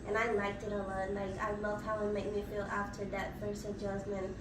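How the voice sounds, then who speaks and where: A woman's voice: medium pitch, completely flat delivery, brisk. Chatty young woman from Puerto Rico. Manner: chatty, many fillers. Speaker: chiropractic student. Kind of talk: casual interview. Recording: echoey room from far off, noisy.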